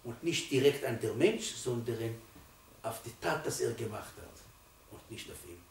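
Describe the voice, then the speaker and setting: Old rabbi preaching with emphatic swells. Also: male voice, medium pitch, expressive, normal speed, gravelly, slight background noise. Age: 80s. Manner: emphatic, swells from quiet to loud for stress. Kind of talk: Torah sermon. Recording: roomy, distant mic, faint ambience.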